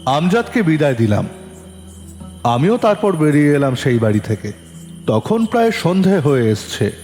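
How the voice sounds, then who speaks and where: Narrating and starring in an audio story, a man plays a police detective recounting his investigation, moving between storytelling and polite, probing questions. His fairly high voice is very expressive and moves at a moderate pace, with long reverb over faint music. The mood is suspenseful.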